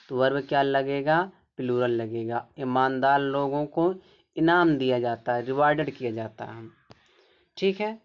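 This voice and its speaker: A man's voice: mid-range voice, smooth, lo-fi sound. A man teaching English grammar, explaining step by step and answering his own questions. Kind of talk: explaining a grammar lesson in Hindi.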